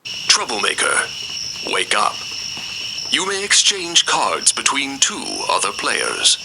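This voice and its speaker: A man playing a game app narrator who gives deliberate, commanding, dramatic instructions to night-time roles. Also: mid-range voice, wildly swooping pitch, background noise, exaggerated voice. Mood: commanding, solemn. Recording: loud background night ambience with crickets. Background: night ambience, crickets.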